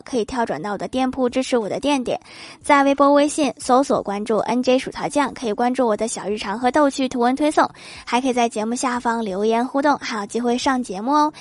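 A woman's voice: fairly high pitch, no echo. Chirpy woman reading jokes, lilt. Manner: lively, laughs at her own punchlines. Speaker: host of a comedy podcast. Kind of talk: reading jokes aloud with commentary.

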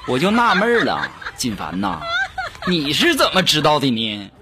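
A man hosting a radio comedy show, telling jokes in a lively storyteller's way and acting out the dialogue. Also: a little high, moderate pace, crowd noise, background noise. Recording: music bed behind the voice. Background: upbeat background music.

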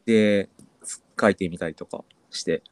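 A man with a slight Kansai influence in his speech, a writer chatting casually and thinking out loud. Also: low-pitched, steady tone, a little slow, dry recording. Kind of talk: casual chat.

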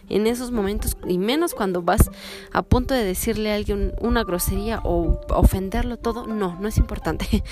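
A woman hosting a self-help podcast, giving practical advice in a lively, coaching way and acting out little scenes. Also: medium pitch. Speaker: podcast host.

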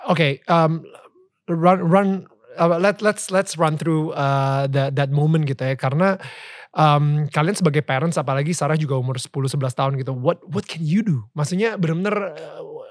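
A man's voice: fairly high pitch, moderate pace, dry recording, clean studio sound. A man hosting a casual interview who talks expressively, laughs often and uses many fillers, mixing Indonesian and English. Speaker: podcast host.

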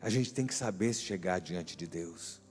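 A man preaching as a pastor, emphatic and rhetorical, often tossing in quick tag questions to the congregation. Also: deep voice, lively intonation, darkish tone, slightly rough. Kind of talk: sermon. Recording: echoey hall with music.

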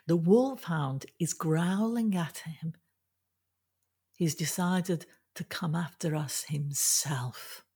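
A worried sister with keen ears, as a woman storyteller puts her on, giving grave warnings in a husky, unhurried voice that swells louder as the danger grows. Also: deep voice, heavily acted. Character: sharp-eared sister who hears everything.

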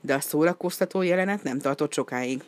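A woman reading a children's story aloud in an expressive, lively way. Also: deep voice.

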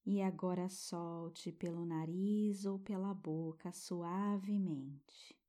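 A Brazilian woman narrates like a sleep story reader guiding small children through meditation. Her voice is mellow and relaxed, and she speaks very slowly. The manner is gentle and hushed, with tender little words. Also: lowish voice. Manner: gentle, hushed, breathy pauses, tender diminutives.

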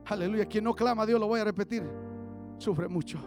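A male pastor preaching fervently, swinging between loud shouts and low murmurs. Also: a little fast, over music. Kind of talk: bilingual sermon.

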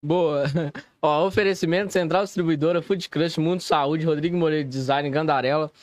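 A man hosting a casual podcast who laughs often, reads out sponsors and gives friendly shout-outs to listeners. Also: a little high, steady tone, moderate pace, dry recording. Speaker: podcast host. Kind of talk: casual chat.

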